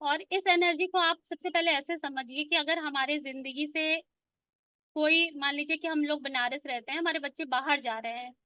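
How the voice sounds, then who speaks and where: A woman's voice: high voice, steady tone, normal speed, sharp tone, no room sound. A woman giving a conversational spiritual talk, explaining ideas patiently and mixing English words into her speech. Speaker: spiritual speaker.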